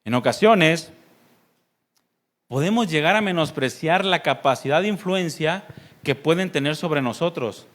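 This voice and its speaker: Casting note: pastor from Mexico, a man with a somewhat high voice, preaching loosely and quizzing his congregation. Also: lively intonation, unhurried, fairly bright tone. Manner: conversational preaching with questions to the congregation; mimics voices playfully. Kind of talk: sermon.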